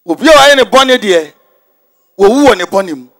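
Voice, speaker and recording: A man with a Ghanaian accent preaching a forceful, repetitive sermon in a large stadium, mixing in English phrases. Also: sits high, animated, normal speed. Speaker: prophet preaching.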